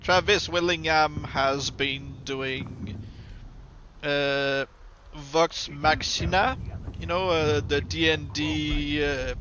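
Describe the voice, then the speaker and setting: A man giving casual, rambling gameplay commentary in a halting manner, as a streamer would. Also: fairly high pitch, steady tone, bright, forceful tone, highs cut off, slight background noise. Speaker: game streamer.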